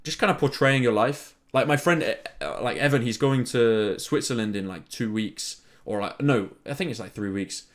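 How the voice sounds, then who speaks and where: A man's voice: mid-range voice, moderate pace, hardly any pauses. A young man in casual chat as a content creator, rambling with lots of fillers.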